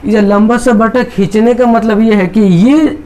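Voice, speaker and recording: Man, maths teacher, high pitch, repetitive step-by-step explaining. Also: steady tone, measured pace, warm tone. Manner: repetitive, explains step by step, voices students' doubts. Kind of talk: chalkboard maths lesson.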